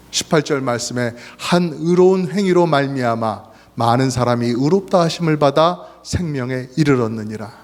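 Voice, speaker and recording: A man's voice: mid-range voice, darkish tone. A man preaching a sermon as a pastor, earnest, with swells of emphasis. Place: church sanctuary. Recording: long hall reverb.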